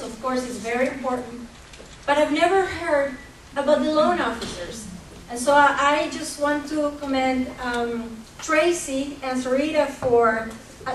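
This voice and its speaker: A woman from gives an earnest, measured conference talk, pausing now and then with hesitations. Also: sits high. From Costa Rica. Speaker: conference presenter for a microfinance group. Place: conference hall. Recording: echoey hall, distant mic, faint hum.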